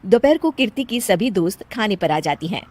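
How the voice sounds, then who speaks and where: A woman's voice: mid-range voice, no room sound. A woman narrating a children's cartoon story in a plain storytelling manner. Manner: slow, even storytelling.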